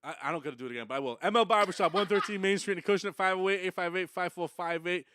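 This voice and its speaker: A man's voice: high-pitched, rapid-fire, noisy background. A man with a Boston accent trading crude, blunt banter and ad-libbing plugs in a casual way.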